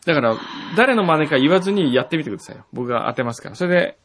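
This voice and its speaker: A man's voice: on the high side, animated, rapid-fire, a bit bright, a little hiss or hum. A man co-hosting a podcast in casual chat, teasing and joking with his co-host.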